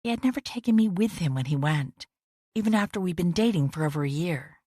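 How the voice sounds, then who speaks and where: Low, husky woman narrating an audiobook. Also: expressive, fast talker, mellow, no echo, clean studio sound. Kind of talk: scripted first-person audiobook narration.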